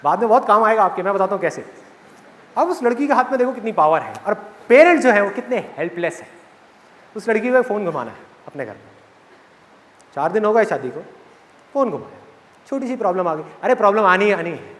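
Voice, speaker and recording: A man giving a live motivational speech to an audience in a large hall, animated and asking rhetorical questions. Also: high-pitched, quick pace, long pauses. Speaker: motivational speaker. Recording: echoey hall with faint crowd.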